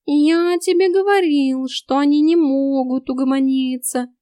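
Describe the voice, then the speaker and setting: A woman doing a cheeky talking tomcat from a storybook, pitched well above her own voice and drawn out slowly. He sounds smug and teasing, and leans in loud on his points. The recording is close and completely dry. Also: fairly even intonation, no echo. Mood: insistent. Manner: slow, smug, teasing delivery. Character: cheeky sly talking male house cat.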